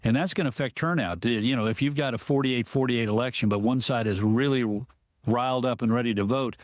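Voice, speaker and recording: A man speaking as a political analyst guest in a podcast interview, explaining in a measured way and often restarting his sentences. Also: mid-range voice, no room sound, clean studio sound.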